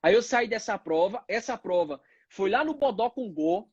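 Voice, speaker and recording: A man's voice: sits high, animated, normal speed, slightly rough, no room sound, dull audio. A man, telling his own story as an interview guest, acting out the voices of the people in it. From Northeast Brazil. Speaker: pediatrician guest.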